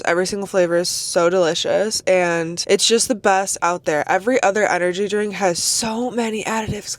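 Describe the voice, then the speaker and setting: A woman's voice: fairly low pitch, clean tone, no echo. A young woman in her twenties vlogging in a casual, bubbly, gushing and earnest way. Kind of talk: casual vlog chat.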